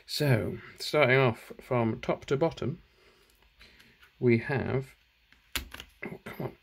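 A man's voice: medium pitch, slow, vocal fry, slight background noise. A man casually talking through an unboxing at home, thinking aloud and correcting himself as he goes, filmed one-handed on a handheld camera. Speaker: channel host. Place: at home indoors. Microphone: handheld phone camera, filming one-handed.

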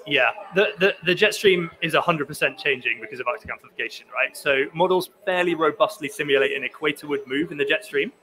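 This young male sea ice researcher talks fast with few pauses, his fairly high voice bright and forceful. At the podium of an indoor conference pavilion hall, he delivers his talk and answers questions, full of restarts and fillers, into a podium mic.

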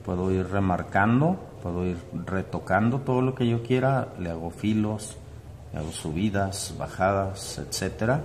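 A man's voice: deep voice, normal speed, darkish tone, a little hiss or hum. A man teaching an online acrylic painting class, explaining each step as he paints and often adding tag questions. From Mexico. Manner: explains step by step while painting, thinking aloud. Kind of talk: online art class demonstration.

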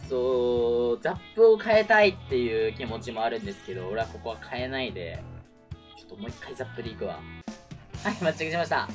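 This gaming streamer's medium-pitched voice is very animated and a little fast as he comments on his game in real time. Game audio and video game music play underneath while he mutters and exclaims by turns.

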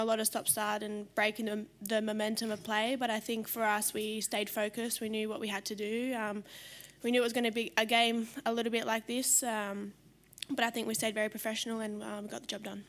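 A young Australian woman footballer answering reporters after a match, measured and full of fillers, into a desk mic in a press room. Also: a little high, flat delivery, fairly bright tone. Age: young adult. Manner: measured, many fillers, trailing off at ends. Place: press conference room in front of sponsor board. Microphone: desk microphone on stand.

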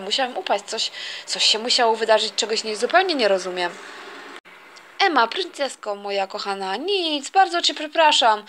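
A woman voicing a stern, confused toy father, speaking in a lowered, puzzled and apologetic voice. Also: a bit bright. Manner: puzzled and apologetic, low put-on voice. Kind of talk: toy play-acting.

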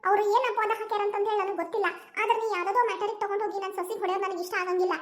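A protective older mother in a village cartoon, as a voice artist acts her out, who scolds firmly. Her voice is pitched very high. She speaks quickly with a North Karnataka Kannada accent. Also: fairly even intonation. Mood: firm scolding. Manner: firm, scolding.

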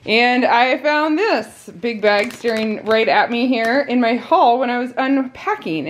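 A woman in her thirties from the United States, a mother of a large family who chats and laughs often while showing her grocery haul at home. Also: fairly high pitch. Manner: chatty, laughs often, talks while handling items. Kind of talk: casual grocery haul vlog. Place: indoors at home, kitchen.

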